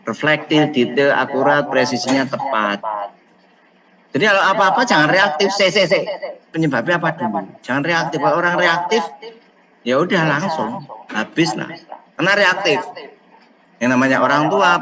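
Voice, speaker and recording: A man giving a casual online lecture, animated and acting out what parents say, slipping in phrases. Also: a little high, highs cut off. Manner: animated, mixes Javanese phrases, acts out parents. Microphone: video call.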